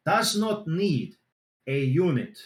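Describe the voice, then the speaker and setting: A man's voice: fairly high pitch, sing-song, takes it slowly, echoey room, a little hiss or hum. A man presenting a seminar over group voice chat, explaining in a loose way with many fillers. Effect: group voice chat audio.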